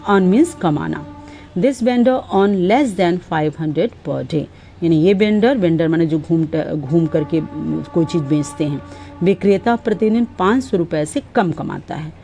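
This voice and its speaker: A woman teaches vocabulary. Her voice sits low and sounds mellow. She reads each example sentence slowly and carefully before explaining it. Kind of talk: explaining word meanings.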